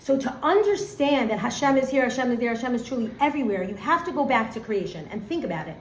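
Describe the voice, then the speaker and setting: A middle-aged woman teaching a casual Torah lesson, animated and full of "like", acting out everyday scenes. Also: fairly high pitch, fast. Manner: animated, acts out everyday scenes, many fillers of "like". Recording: echoey room, faint background hum.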